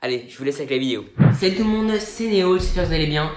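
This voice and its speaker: A man's voice: fairly high pitch, animated, racing, echoey room. A young man with a French accent chatting casually while showing his toy collection in an upbeat vlog. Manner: chatty, upbeat, many fillers and asides.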